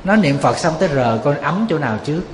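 A monk gives a conversational sermon at a mid pitch, often quizzing his audience. His voice reverberates through a large temple hall, with a faint hum of ambience behind. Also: expressive, fast. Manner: conversational, asks the audience rhetorical questions. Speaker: Buddhist monk. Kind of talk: Buddhist sermon.

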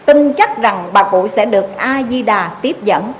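A woman's voice: mid-range voice, lively intonation, a little slow, a little hiss or hum, rough recording. A Buddhist nun giving an earnest dharma talk, urging her listeners with repeated rhetorical questions. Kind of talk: sermon.

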